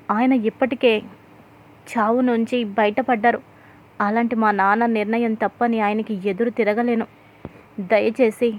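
A woman's voice: fairly high pitch, a little hiss or hum, natural voice. Woman reading a sorry, pleading young son, tinny sound. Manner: apologetic, pleading. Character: young husband, apologetic son.

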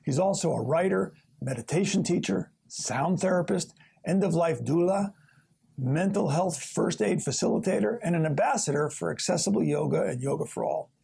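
A man's voice: on the high side, normal speed, vocal fry, warm tone, husky. An older man hosting a studio interview, chatty, with frequent fillers. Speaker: talk show host. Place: TV studio set.

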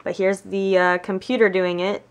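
A young woman in a casual language-learning vlog, cheerful and self-deprecating, repeating each word slowly. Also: medium pitch, little pitch movement.

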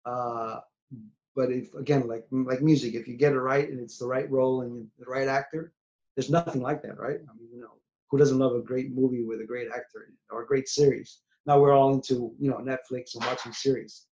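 This New York City singer-songwriter, a man in his forties, rambles through a casual webcam interview from a small room at home, frequently starting over and letting sentences fade quietly. He talks a little fast in a steady, mid-range voice, and the call audio is dull and lo-fi.

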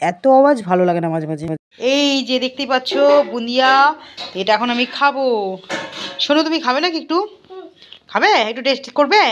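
A woman's voice: medium pitch, a little mellow. A woman chatting to her viewers in a casual home vlog, talking straight to the camera. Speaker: vlogger.

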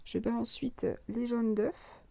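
A woman's voice, hoarse and gravelly from a lost voice, sits a little high yet dark and mellow in tone. She talks through a recipe in a calm step-by-step voice-over, close and dry with no room sound. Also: slow pace, no room sound. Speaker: cooking channel host.

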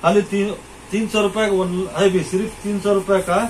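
A man's voice: sits high, little pitch movement, moderate pace, a little hiss or hum, rough recording. A middle-aged man from India in a small shop, casually demonstrating fishing gear to a camera and repeating his points to the viewer. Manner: repetitive, points things out to the viewer. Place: small cluttered shop, indoors.

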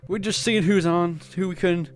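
Sitting high in pitch with a steady tone, a man chats casually on a livestream set in a virtual world. He's giggly and teasing, laughing often and readily.

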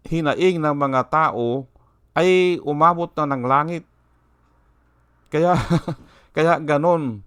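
Guy ranting about politics like a preacher, kinda high voice, super dry close sound. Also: a bit bright, clear, resonant tone, no echo. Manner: rhetorical, keeps asking "hindi ba?", quotes scripture. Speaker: political commentator. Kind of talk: political commentary vlog with preaching.

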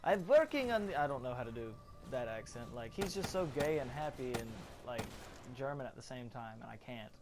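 A man's voice: mid-range voice, brisk, noisy background. A young man hosting a gaming channel, chatting casually in a rambling, joking way with lots of ums and uhs.

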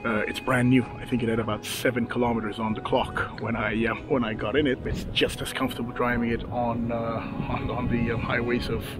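A thirtysomething man narrates his travel vlog outdoors at desert ruins and a rock canyon, talking a little fast with few pauses in a mid-range, level-toned voice. He speaks casually to a handheld camera at arm's length, chatty and hesitant with many fillers. Heavy background noise and music play over it.

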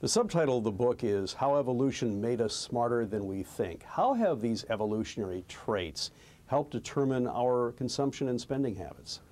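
Measured middle-aged male host. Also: mid-range voice, animated, darkish tone. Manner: measured, formal delivery. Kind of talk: scripted introduction and interview questions. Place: studio set.

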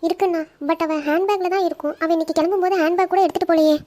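A woman voicing a worried, tearful mother in an animated story, pleading in a high voice. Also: rapid-fire, dry recording.

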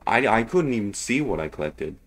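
A man hosting a casual horror game playthrough, thinking out loud and exclaiming at scares. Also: lowish voice, very animated, fairly quick. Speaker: gaming video host.

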